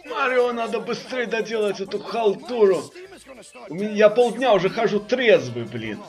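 Man playing whining, high-voiced slacker plumber. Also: lively intonation, moderate pace, faint music behind. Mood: grumbling. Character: whining, slacking male plumber dodging army service. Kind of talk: comic parody dub.

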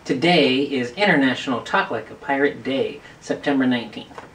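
A man's voice: mid-range voice, normal speed, a bit bright, faint music behind. Man explaining pirate words, playful. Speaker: family video host. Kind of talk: casual teaching presentation. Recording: distant mic with faint noise.

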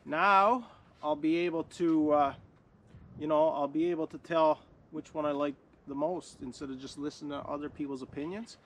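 With a fairly high, fairly even voice at a moderate pace, a middle-aged Newfoundland man chats through a casual bushcraft vlog. Standing in a sunlit forest beside a lake, he rambles, stumbles and starts over often, recorded by a camera on a tripod several metres away that also picks up plain outdoor noise.

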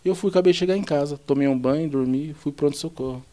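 A man's voice: fairly high pitch, fast talker. A man from the São telling a long personal story in a casual podcast chat, quoting what people said. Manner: rambling, animated retelling with quoted dialogue. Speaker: podcast guest; truck driver.

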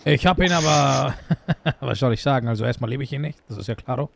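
A young man with an intensely gravelly, creaky voice, bantering in character during a game roleplay. He jokes constantly and drops Spanish words into his sentences. His pitch sits in an everyday middle range. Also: a little fast, no echo. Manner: joking, sprinkles Spanish words into German. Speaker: streamer playing a roleplay character.

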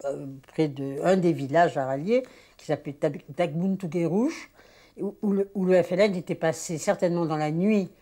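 A low-pitched older woman tells her memories to an interviewer. She is lively and halting, with many fillers and restarts, acting out the people she quotes. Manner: lively storytelling with many hesitations. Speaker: interviewee recalling war reporting. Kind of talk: spoken reminiscence.

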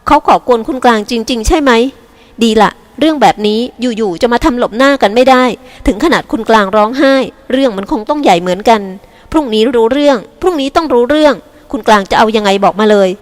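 A woman's voice: fairly high pitch, expressive, fast, long reverb tail, natural voice. A woman voicing a composed, protective older sister who presses her sibling for answers, in an audiobook. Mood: coaxing. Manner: pressing, demanding.

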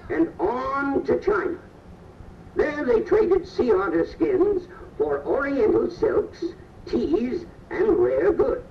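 A man's voice: very high voice, vocal fry, slight background noise. A man giving scripted historical narration as the ride narrator, in a stately storybook delivery, played back over a PA. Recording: distant roomy lo-fi PA playback.

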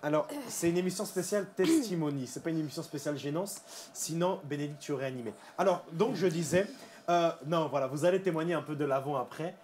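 A man hosting a playful group chat, teasing his guests with quick jokes. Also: a little high, a little mellow, slight background noise. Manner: teasing, fast, laughing. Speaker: host. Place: studio.

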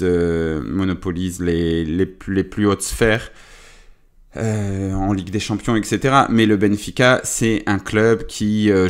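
A man's voice: on the low side, clear, resonant tone. Tired man chatting on a live stream. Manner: chatty, many restarts and hesitations. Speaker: football streamer and commentator. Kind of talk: casual live-stream debrief.

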